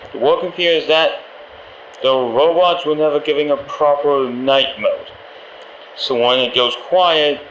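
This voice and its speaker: A man with a medium-pitched, slightly bright voice plays a friendly, nervous pizzeria employee in a game, a company trainer for night guards. He leaves a rambling, hesitant, awkwardly upbeat training voicemail. The phone audio is muffled and roomy, with faint noise.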